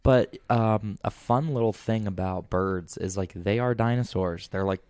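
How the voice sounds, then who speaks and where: A young man chats on a casual podcast in a lowish, mellow voice. He rambles, piles on fillers and gets animated. The sound is dry and close. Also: a little slow, clear, resonant tone, no room sound. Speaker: podcast co-host. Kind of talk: casual chat.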